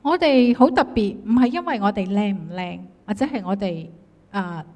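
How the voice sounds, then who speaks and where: A woman's voice: medium pitch, normal speed, highs cut off. A woman with a Cantonese accent, interpreting a sermon and reading scripture aloud. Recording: echoey hall with long reverb.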